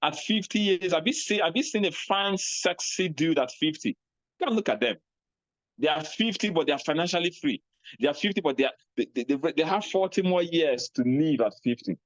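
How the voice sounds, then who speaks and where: A man with a Nigerian accent giving a motivational talk, animated, acting out little scenes in a raised voice. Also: a little high, fairly quick, no room sound, poor audio. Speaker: speaker on personal finance.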